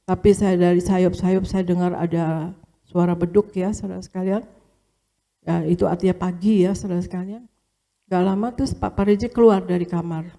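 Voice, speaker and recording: Woman, pastor's wife, church testimony, colloquial storytelling, speaks to the audience often, warm mellow tone. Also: lowish voice, steady tone, normal speed. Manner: storytelling, often addressing listeners as brothers and sisters; casual colloquial speech with fillers and repetitions.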